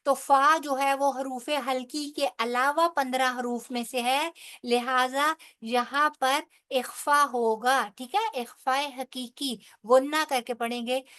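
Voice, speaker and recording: A woman teaches the rules of Quranic recitation in a bright, high voice. She speaks at an unhurried pace, explaining each point step by step before reciting the words slowly. She checks in with her listeners often along the way. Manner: checks in with frequent "theek hai". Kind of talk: tajweed lesson with slow recitation.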